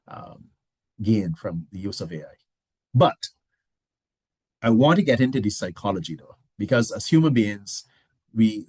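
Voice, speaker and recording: A man's voice: on the low side, husky, no room sound. A man giving a conversational business presentation, restarting phrases and adding rhetorical asides. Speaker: guest lecturer.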